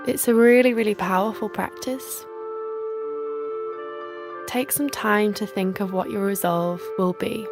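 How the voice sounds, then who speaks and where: A yoga teacher guides a yoga nidra relaxation in a mid-range voice. She speaks in a soothing, measured, instructional way, leaving gentle pauses.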